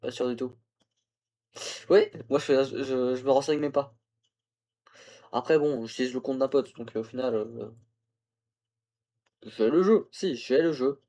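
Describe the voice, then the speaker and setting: A man's voice: medium pitch, unhurried, long pauses, mellow. A tired young man streaming a game, rambling casually to his viewers with lots of fillers. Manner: rambling, tired, self-talk with fillers and laughs. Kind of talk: casual gaming livestream chat. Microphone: phone used as camera.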